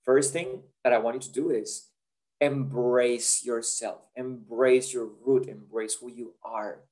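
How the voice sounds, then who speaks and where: A man presents a career webinar over a video call. His pitch sits at an ordinary middle height as he talks in an earnest, chatty way and checks in with the audience through little tag questions. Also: fairly even intonation, a little slow, darkish tone. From Colombia.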